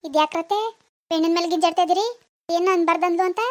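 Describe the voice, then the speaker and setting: A middle-aged mother soothes a quarrel in a rural Kannada village dialect, as a woman voices her for a cartoon. Her voice is high and she speaks fast. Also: steady tone. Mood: concerned. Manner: soothing, placating. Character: middle-aged mother who tries to make peace. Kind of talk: cartoon voice acting.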